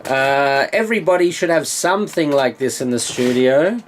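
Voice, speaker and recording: A man's voice: mid-range voice, expressive, moderate pace, a little hiss or hum. A man, a music producer, explaining his mixing steps in a studio tutorial, with frequent "uh"s as he works. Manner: explanatory, with frequent filler sounds.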